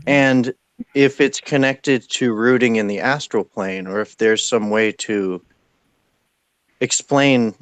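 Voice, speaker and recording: A man's voice: mid-range voice, slow, no echo. A man interviewing in a spiritual session, asking reverent questions in a hesitant, deferential way.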